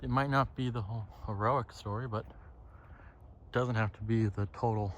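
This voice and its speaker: The sound is lo-fi as this solo podcaster talks at a moderate pace in a lowish, slightly bright voice with a steady tone. He rambles through a casual, reflective, profane monologue, often tacking "right?" onto phrases. He's outdoors on a lakeside trail, with birds and ambient noise behind him.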